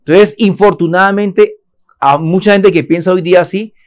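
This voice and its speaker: A man's voice: high voice, moderate pace, a little mellow. A man teaching a Torah lesson, asking his listeners questions and answering them himself.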